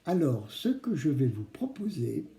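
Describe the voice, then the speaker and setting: A man's voice: mid-range voice, wildly swooping pitch, measured pace, creaky, mellow. A man hosting a kids show, speaking to children with simple, coaxing explanations and questions. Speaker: children's craft show host. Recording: roomy, echoing room.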